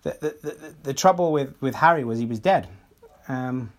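A man co-hosting a comedy podcast, halting and stammering through his sentences with lots of fillers and laughter. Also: mid-range voice, a crowd in the background. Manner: halting, stammering, many repeated words and fillers; breaks into laughter often. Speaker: podcast co-host.

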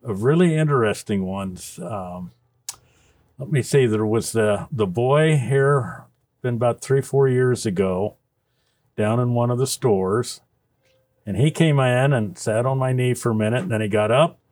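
A man's voice: mid-range voice, unhurried, darkish tone, dry recording, close to an everyday voice. A man playing a kindly, jolly old Santa Claus, chatting casually and unhurriedly in character on a podcast, with chuckles. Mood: amused, reminiscing. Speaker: guest.

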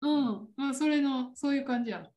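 A woman's voice: high-pitched, a little fast, mellow. A woman with a Kansai Japanese accent chatting casually on a podcast, laughing often as she explains. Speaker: podcast co-host. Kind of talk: casual chat.

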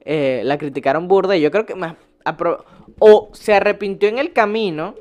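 A man's voice: sits high, normal speed, darkish tone. A young man with a Venezuelan accent, ranting casually as a vlogger, swearing a lot, laughing often and stumbling over his words. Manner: profane, rambling, laughs often, restarts words. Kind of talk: casual rant.

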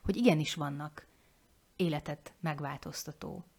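A woman in her forties talking candidly on a podcast, frank and animated, swearing casually and restarting her sentences. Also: low voice, breathy edge.

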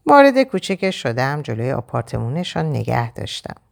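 Low, gravelly female storyteller. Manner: expressive, first-person narration. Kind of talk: dramatic story reading.

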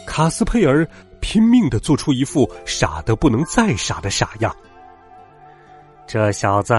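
A man reading a children's story aloud with expressive, animated narration. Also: mid-range voice. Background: faint background music.

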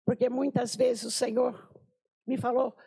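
An older Brazilian woman preaches an informal sermon at a women's gathering, her slightly high voice gravelly and a bit rough at a measured pace. She tells anecdotes animatedly, acting out the voices of people she quotes and exclaiming.

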